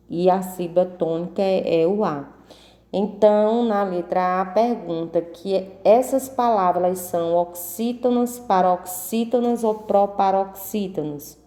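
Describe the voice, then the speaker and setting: A woman's voice: lowish voice, darkish tone. A woman teacher going through a worksheet correction, patiently repeating and drawing out words to mark the stressed syllable. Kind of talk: slow worksheet correction lesson.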